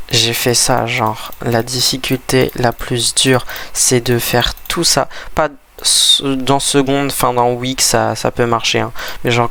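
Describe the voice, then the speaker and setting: A gaming video creator with a cold and a stuffy voice gives rambling, hesitant casual commentary over the game he's playing, often restarting his sentences. His voice is medium-pitched, creaky and fairly bright in tone.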